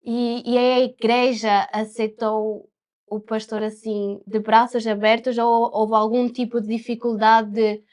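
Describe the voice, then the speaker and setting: Female podcast host, higher voice, even delivery, respectful interviewer. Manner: measured, respectful questioning. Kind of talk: interview questions.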